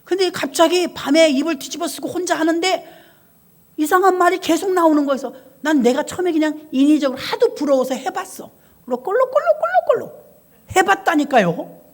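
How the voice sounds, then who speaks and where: A woman pastor preaching in a church, telling her story in lively bursts and hushed asides. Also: high voice, a little fast. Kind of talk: sermon.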